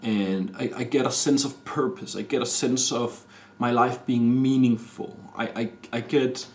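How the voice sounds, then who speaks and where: The camera mic carries a little hiss or hum as a Danish-accented man in his thirties talks through a personal confession. His medium-pitched voice stays steady while he halts, restarts and uses fillers.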